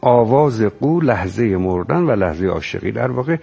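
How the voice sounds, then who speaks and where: A man explaining thoughtfully in a measured way, with hesitant pauses. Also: lowish voice, expressive, gravelly, mellow, slightly rough, soft background music. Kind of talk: reflective talk.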